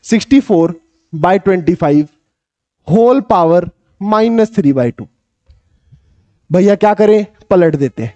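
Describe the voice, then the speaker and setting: A young man teaching a maths lesson in an energetic, coaxing tutoring style, repeating questions back to his students and calling himself their big brother. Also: high voice, no echo. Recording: dull, slightly lo-fi dry recording.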